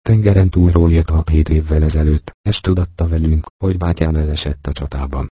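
A man reading an audiobook voices a scheming younger brother who speaks softly with feigned sympathy. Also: very deep voice, steady tone, no room sound. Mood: falsely gentle. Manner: soft, smooth, feigned sympathy. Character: cold, scheming younger brother, adult man, falsely gentle.

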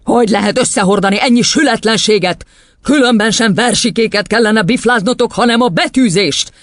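A man's voice: high voice, a bit bright, dry recording, pitched above the performer's own voice. A man voicing a furious, tyrannical female headmistress in an audiobook, screaming and scornful. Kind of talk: audiobook character voice.

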